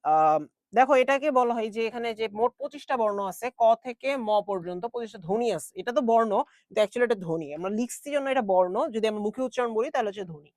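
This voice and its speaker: A man's voice: very high voice, animated, quick pace, darkish tone, no echo, studio quality. A young man teaching an online class in a chatty way, with jokey asides and English words mixed in.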